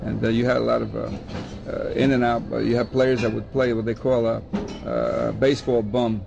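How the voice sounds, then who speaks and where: An older Dominican baseball scout talks at length in an oral history interview, rambling and often repeating words and restarting. His voice is medium-pitched, level, and gravelly at a moderate pace, and the recording is muffled.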